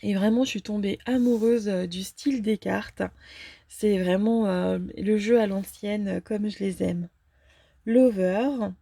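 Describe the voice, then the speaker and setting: A woman casually unboxing and reviewing a fortune-telling card deck, talking hesitantly with many filler pauses. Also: medium pitch, fairly even intonation, vocal fry, warm tone, no echo.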